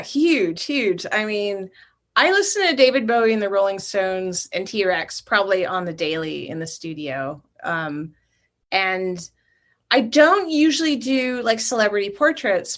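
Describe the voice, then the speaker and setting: Over a video call, a middle-aged woman who is a guest artist discusses her work in a relaxed interview, taking her time and reflecting thoughtfully. She has a mid-range voice with a fairly bright tone.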